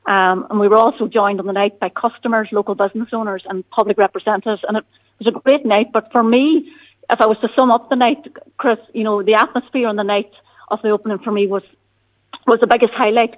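A woman's voice: mid-range voice, fairly even intonation, fast. Donegal Irish woman on a tinny phone line. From County Donegal, Ireland. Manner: frequent "you know" and "look". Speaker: bank territory manager, interview guest. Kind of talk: radio interview.

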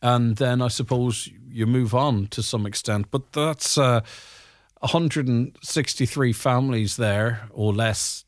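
A man's voice: mid-range voice, no echo, studio quality. A man with an Irish accent hosting a current affairs radio interview. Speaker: radio host.

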